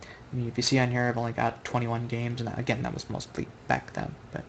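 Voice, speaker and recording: A man with a gravelly, fry-laced voice talks casually through his own board game at a mid pitch. He thinks out loud and often stops to correct himself. A faint hiss of noise sits under the home recording. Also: completely flat delivery, fast. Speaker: Go player commenting on his own online game. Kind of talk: casual live game commentary.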